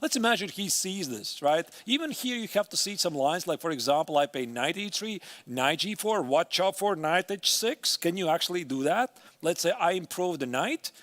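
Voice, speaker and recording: A man's voice: high-pitched, animated, normal speed, few pauses, a bit bright. A man giving live chess commentary, thinking aloud through moves in a conversational way.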